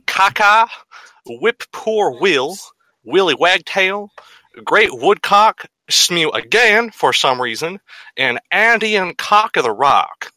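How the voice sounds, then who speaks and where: A man reading a list in a deliberately bad, put-on American Southern accent, drawing the words out. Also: high voice, big pitch swings, sharp tone, no room sound, voice pushed up, full character voice. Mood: mock-serious. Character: man reading a list in an exaggerated hick drawl.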